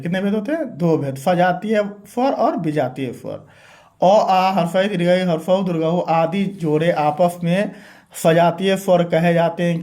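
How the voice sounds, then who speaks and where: A man's voice: a little high, a little mellow. A man teaching Hindi grammar step by step, asking the class questions and answering them himself. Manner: repetitive, step-by-step explaining. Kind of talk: classroom lesson.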